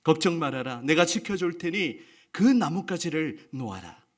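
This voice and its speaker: A man voicing a solemn, calm divine voice that speaks from above and gives commands. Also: a little high, normal speed.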